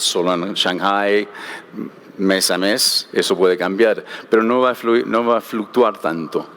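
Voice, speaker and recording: Low-voiced man on a conference panel. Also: smooth. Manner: hesitant, repeats words while thinking. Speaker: shipping panelist.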